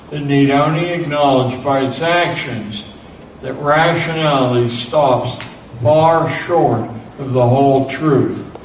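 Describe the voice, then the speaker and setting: A man reading a lecture aloud in a measured way, now and then spelling out names letter by letter. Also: medium pitch. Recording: roomy, distant mic with faint background noise.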